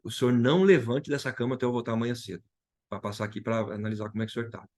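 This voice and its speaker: A man's voice: medium pitch, fairly even intonation, racing, darkish tone. A man from Brazil sharing an emotional personal testimony as a guest, retelling dialogue and repeating key phrases.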